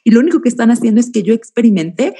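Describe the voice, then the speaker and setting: A woman's voice: on the high side, animated, rapid-fire, dark tone, slightly rough. A woman, a guest explaining feelings in a reflective, teaching way and addressing the host by name. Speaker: guest speaker on emotions. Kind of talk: explanatory conversational talk.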